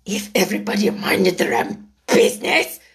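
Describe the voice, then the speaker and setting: A woman's voice: medium pitch, big pitch swings, moderate pace. The Duchess: woman doing a growly rude noblewoman. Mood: brusque. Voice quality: hoarse growl. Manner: blunt, snappish.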